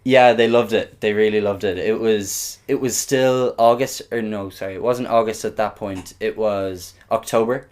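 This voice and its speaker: A man's voice: fairly low pitch, fairly even intonation, normal speed, hardly any pauses, a little mellow, clean tone. A young man from Galway with a west of Ireland accent, chatting casually and a little hesitantly as a podcast guest. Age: young adult. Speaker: interview guest, exchange student.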